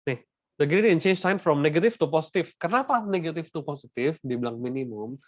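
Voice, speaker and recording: Speaking a little fast and with plenty of expression, a young man with an Indonesian accent runs a casual maths class in mixed Indonesian and English. His voice is slightly high, and he regularly checks whether students understand. The audio has no echo and sounds dull and dry.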